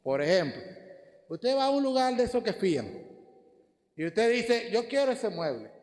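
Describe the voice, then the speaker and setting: A man's voice: very high-pitched, very animated, moderate pace, darkish tone. A man with a Dominican Spanish accent preaching a sermon, posing rhetorical questions to the congregation. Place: church hall. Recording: long church hall reverb.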